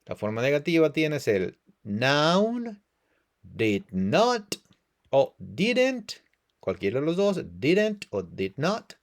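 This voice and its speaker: Man, English teacher, explains in Spanish, slow pace, lively rising and falling pitch, repeats each word. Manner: slow, drawn-out repetition of words with lively pitch. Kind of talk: online grammar lesson.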